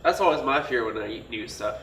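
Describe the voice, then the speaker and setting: A man in casual chat, joking and quick to laugh. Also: medium pitch, lively intonation, fairly bright tone. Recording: echoey room, distant mic, faint noise.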